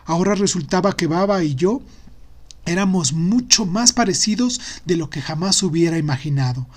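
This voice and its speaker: A man reading a literary novel aloud as an expressive audiobook narrator. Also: high voice, moderate pace.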